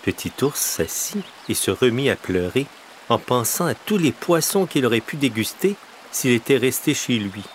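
A man reading a children's story aloud, slow and expressive. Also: medium pitch, a little hiss or hum.

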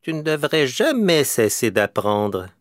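A man voicing a clever, patient female crow in a storybook reading, slow and coaxing. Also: medium pitch, sing-song, dry recording, pitched above the performer's own voice. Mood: encouraging.

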